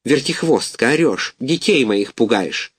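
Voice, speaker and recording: A man's voice: mid-range voice, animated, unhurried, slightly rough, no room sound. A man voicing a fretful old mother goose who complains gloomily.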